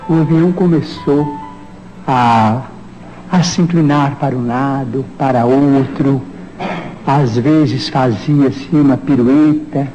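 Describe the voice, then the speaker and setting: A man with a Brazilian Portuguese accent, a documentary interviewee who tells an anecdote in an animated way and acts out the dialogue he quotes. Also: a little high, muffled recording. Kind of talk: recounting an anecdote. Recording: reverberant space with clear background noise.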